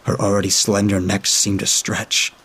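Man, horror story reading, deep voice, husky. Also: monotone, moderate pace, a bit bright. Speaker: narrator.

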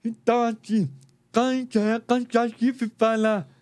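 Very high-voiced Brazilian man, clear. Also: little pitch movement, a little mellow. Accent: Brazilian Portuguese. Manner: slow, careful, deliberate articulation. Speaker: interview guest. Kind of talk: personal story in conversation.

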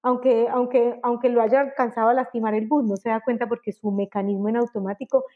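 A woman explaining personality types in a conversational interview, animated and acting out examples. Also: a little high, a little fast, narrow, tinny audio, soft background music. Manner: animated, acts out examples with exclamations. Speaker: enneagram guest expert.

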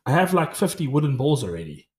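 A man's voice: mid-range voice, big pitch swings, quick pace. A man with a Scottish accent hosting a podcast with casual, joking banter, recorded with an echoey room sound. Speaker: podcast host. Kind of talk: casual banter and corny jokes.

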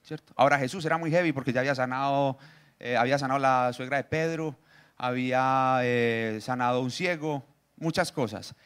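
A man preaching a sermon, reading scripture and joking with the congregation through quick questions. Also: medium pitch, a bit bright, smooth. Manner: jokey, asks the audience questions, reads scripture aloud.

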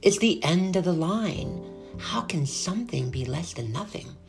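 A woman's voice: fairly low pitch, animated, unhurried, darkish tone, soft background music, pitched above the performer's own voice. A woman voicing a lonely, earnest young male pig who talks in a pleading way.

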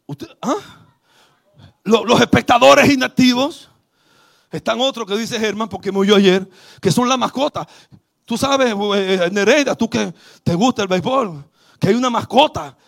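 Brief: Dominican man preaching at a church service, very high husky voice, fervent and rising to shouts, calls out to the congregation. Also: moderate pace. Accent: Dominican Spanish. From Dominican Republic. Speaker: bishop preaching. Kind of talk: sermon.

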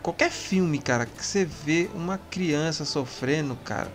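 A Brazilian man in casual podcast chat, rambling in a relaxed, slangy way. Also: on the high side, a little slow, over music. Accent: Brazilian Portuguese.

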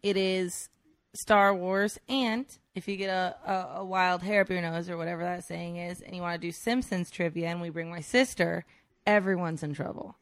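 A woman on a podcast with a fairly low voice, recorded dry and close. She banters in a lively, joking way. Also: normal speed, dry recording. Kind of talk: casual chat.

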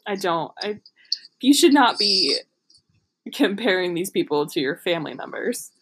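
A woman's voice: mid-range voice, animated, moderate pace, fairly bright tone, slightly rough. A woman reading a novel aloud in an amateur, casual way, giggly and breaking off to joke and comment. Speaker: podcast host reading a book aloud.

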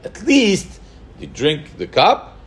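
A Torah teacher gives a halachic lecture, thinking aloud through rhetorical questions and mixing Hebrew terms into his English. His voice is a little high and slow, with huge pitch swings.

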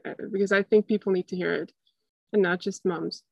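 A woman's voice: medium pitch, steady tone, fairly quick, vocal fry, breathy edge, dry recording, highs cut off. Casting: young female coach with Estonian accent, mid-range voice, conversational interview answers, very little room sound. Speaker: guest, wellness coach. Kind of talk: casual interview chat.

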